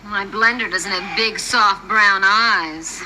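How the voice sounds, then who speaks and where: An actress playing a gentle, soft-hearted housewife in a sitcom. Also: female voice, medium pitch, slow pace, lightly acted. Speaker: wife and mother. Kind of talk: sitcom acting. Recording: old TV sitcom audio with loud hiss.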